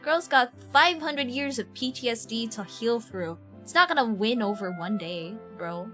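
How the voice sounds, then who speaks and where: On her giggly, meandering game stream, this live streamer from Ireland talks casually and with plenty of slang, her accent sounding neutral and North American. Her voice sits a little high and is expressive and fairly bright, at a moderate pace, over faint background music.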